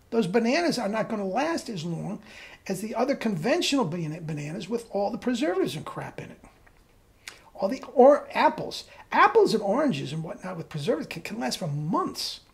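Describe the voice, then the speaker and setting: A woman's voice: mid-range voice, darkish tone. A woman who coaches weight loss, ranting in a video monologue, scornful and mocking and laughing at her own rant.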